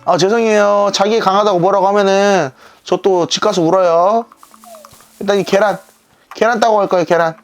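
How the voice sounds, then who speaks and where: A woman's voice: medium pitch, steady tone, moderate pace, soft background music. A woman streamer chatting playfully to her viewers while playing a game. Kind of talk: casual gameplay chat.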